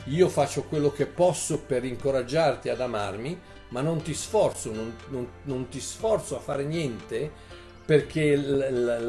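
Guy preaching a sermon, keeps repeating himself, gets loud, bit of guitar in the back. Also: medium pitch. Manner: animated, rising emphatic bursts and repetitions.

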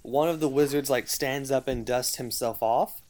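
Game master, mid-pitch, easygoing narration with hesitations. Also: normal speed. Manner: relaxed, hesitant with fillers.

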